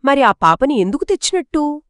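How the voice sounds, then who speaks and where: A woman's voice: sits high, big pitch swings, fairly quick, fairly bright tone, dry recording, clean studio sound. A woman co-telling a children's folk tale, asking curious questions and reacting with exclamations. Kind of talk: children's story told as a two-voice conversation.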